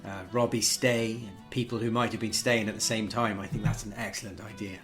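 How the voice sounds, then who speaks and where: A man playing a tabletop role-playing game, talking through his plans in polite, formal, measured phrasing. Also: on the low side, little pitch movement, a bit bright, soft background music. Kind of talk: in-character tabletop role-play discussion.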